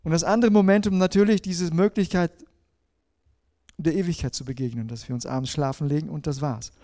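A man preaching a sermon, reading scripture aloud and addressing the listener directly, swinging between emphatic and hushed delivery. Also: on the high side.

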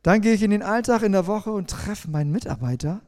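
High-voiced man preaching conversationally. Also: animated, a little fast, darkish tone. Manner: conversational, asks the listeners questions. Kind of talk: sermon.

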